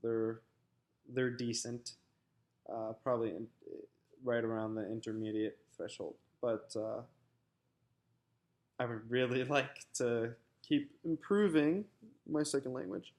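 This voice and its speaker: A young graduate student from the United States records a personal statement, his medium-pitched voice a little mellow. He speaks haltingly and thoughtfully, with lots of fillers and restarts.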